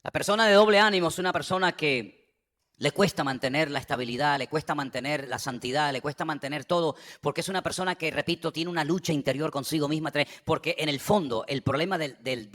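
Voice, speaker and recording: Hombre predicador de voz aguda y brillante. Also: male voice, fairly quick. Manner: impassioned preaching, rising to loud exhortation and dropping low. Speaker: pastor. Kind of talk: sermon.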